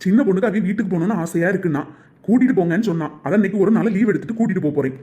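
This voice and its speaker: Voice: medium pitch, rapid-fire, warm tone, lightly acted. A performer voicing a patient young married son in a cartoon, reasoning and pleading in a Tirunelveli Tamil accent. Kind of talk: cartoon voice acting.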